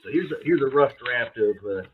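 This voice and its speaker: A man chatting casually in a laid-back stoner way, halting and searching for words. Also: mid-range voice, expressive, husky. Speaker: logo artist and co-host. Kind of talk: casual chat. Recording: dull, lo-fi, muffled sound.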